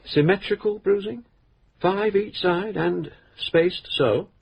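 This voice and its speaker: An actor in his fifties playing a shrewd, urbane police inspector in a radio drama, measured, dry and courteous. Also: high-pitched, gravelly, dull audio, a little hiss or hum, full character voice. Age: 50s.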